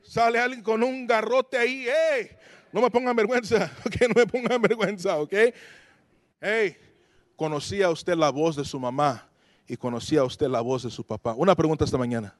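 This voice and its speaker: This high-voiced man preaches to his congregation at a moderate pace, animating his stories with acted-out voices and occasional English phrases. The sound is clean, studio quality and free of echo.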